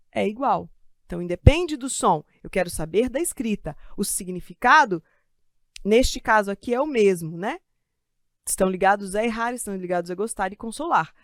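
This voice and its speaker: A Brazilian woman leads an online Portuguese lesson for exam students, chatty and quick to joke about herself. Her voice sits a little high, and the sound is close and dry with no room echo. She slows down and stretches the words she wants the class to remember. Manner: lively, stretches key words slowly for emphasis; chatty asides and self-joking humor. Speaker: Portuguese teacher for exam prep. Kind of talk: live online grammar lesson. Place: studio with a desk of computers.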